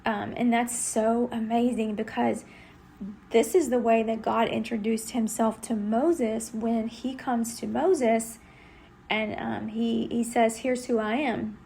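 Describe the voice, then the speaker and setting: Gravelly-voiced woman teaching scripture. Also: on the high side, steady tone, slow, mellow, slight background noise. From Texas. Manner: earnest, conversational, with fillers. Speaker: Bible teacher. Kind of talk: devotional teaching.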